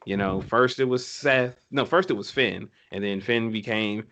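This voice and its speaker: A man co-hosts a casual podcast, chatting enthusiastically with lots of fillers and restarts. His voice is lowish and a bit bright, at a moderate pace.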